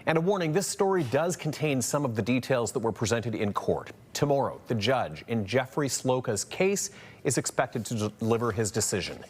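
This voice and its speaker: A man, an evening news anchor introducing stories in a brisk, polished way. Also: mid-range voice, expressive, slightly rough.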